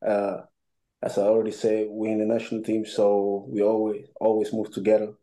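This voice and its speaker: Soft-toned young man, halting answers. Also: lowish voice, monotone, poor audio. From Cameroon. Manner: hesitant, many fillers and restarts. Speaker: amateur boxer. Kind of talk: casual interview answers.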